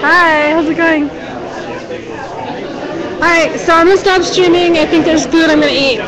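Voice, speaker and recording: A woman's voice: extremely high pitch, fairly even intonation, normal speed, rough recording. A woman hosting a casual phone livestream, chatty and scattered. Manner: chatty, scattered, laughs easily. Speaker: livestream host. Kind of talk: casual chat. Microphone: phone held close. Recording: phone recording with crowd noise.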